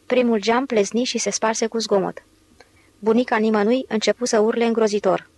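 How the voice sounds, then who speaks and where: A woman reading a novel aloud in steady, measured literary narration. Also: a little high. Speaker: audiobook narrator.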